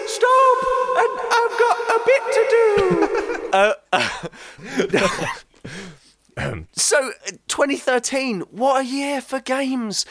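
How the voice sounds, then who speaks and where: A podcast host playing a goofy, excitable male ghost in a comedy sketch, wailing and rambling. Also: high-pitched, no room sound, exaggerated voice. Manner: giddy, wailing woos, rambling.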